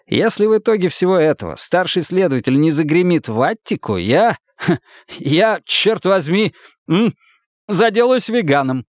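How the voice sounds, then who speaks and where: A man's voice: sits high, very animated, moderate pace, dry recording, studio quality, voice pushed up. A man putting on a brash, swearing ex-cop. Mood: pushy. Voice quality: coarse, swaggering, insistent. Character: brash, profane, pushy ex-cop man, middle-aged.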